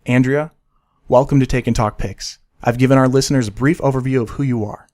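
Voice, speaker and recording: A man's voice: medium pitch, steady tone, fairly quick, a little mellow. A man hosting a casual photography podcast, upbeat and friendly as he reads promos and chats with a guest. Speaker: podcast host.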